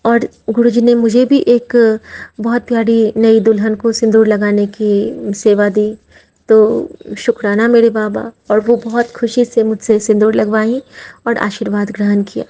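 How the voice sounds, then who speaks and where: A woman's voice: on the high side, little pitch movement, measured pace, mellow, low-quality recording. A middle-aged woman from Mithila, sharing a heartfelt devotional testimony and often addressing her listeners as sangat ji. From Mithila region, India.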